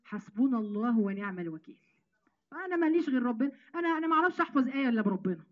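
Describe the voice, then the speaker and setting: Fast-talking Egyptian woman teaching Quran. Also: on the high side, muffled recording. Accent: Egyptian Arabic. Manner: animated, addresses listeners as sisters. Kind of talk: religious lesson to women.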